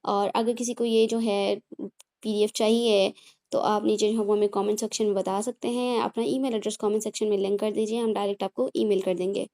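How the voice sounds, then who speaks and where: A woman's voice: mid-range voice, level tone, fairly quick, mellow. A woman teaching parents how to teach phonics step by step, switching between Hindi and English and checking in often as she explains. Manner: mixes Hindi and English, explanatory, frequent "theek hai" check-ins; self-correcting with apologies. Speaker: phonics tutor.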